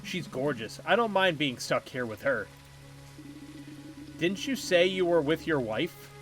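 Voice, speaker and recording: A man's voice: on the high side, animated, a little slow, a bit bright, faint music behind. A man voicing a flirtatious, carefree husband, reading game dialogue aloud in a teasing way.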